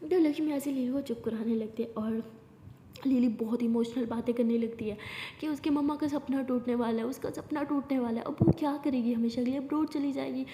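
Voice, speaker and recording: A woman's voice: high voice, fairly even intonation, a little fast, warm tone, slight background noise. A woman narrating a dramatized love story and voicing each character herself. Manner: switches between narrating and acting both characters. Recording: echoey room with long reverb.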